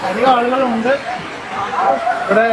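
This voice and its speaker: Out on a trek, a woman travel vlogger talks casually to her viewers in Malayalam mixed with English words. Her voice is on the high side and unhurried, heard over a noisy crowd in a very noisy outdoor trail recording.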